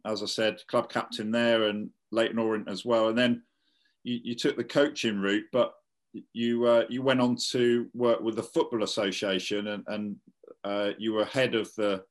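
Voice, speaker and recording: A man's voice: on the low side, fairly even intonation. Man hosting a football interview. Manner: halting, repeats words while framing questions. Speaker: podcast host. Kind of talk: interview questions.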